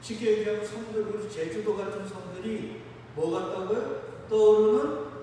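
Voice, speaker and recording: A man's voice: high voice, fairly even intonation, moderate pace, mellow, a little hiss or hum. A male pastor preaching a sermon in a church, reading scripture aloud and putting questions to the congregation. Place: church sanctuary. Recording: echoey hall from a distance.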